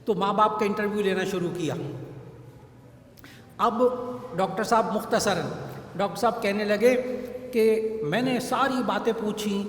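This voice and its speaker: A man's voice: sits high, long pauses. A man preaching a sermon and telling a story in an earnest way, repeating his key phrases for emphasis. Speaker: Islamic scholar and preacher. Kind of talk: sermon with an anecdote. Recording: echoey hall with faint background noise.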